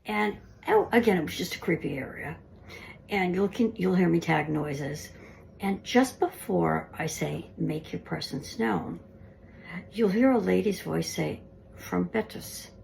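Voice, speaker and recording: A woman's voice: fairly low pitch, unhurried, creaky, a little mellow, slight background noise. A woman paranormal investigator narrating her ghost recordings in a conversational, earnest way. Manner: conversational, earnest, explaining clips.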